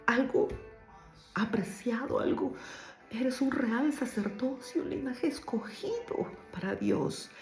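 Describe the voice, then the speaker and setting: A woman's voice: fairly high pitch, creaky, dark tone, echoey room. A woman giving an emotional faith testimony as a sermon, earnest and repetitive, speaking straight to her listeners.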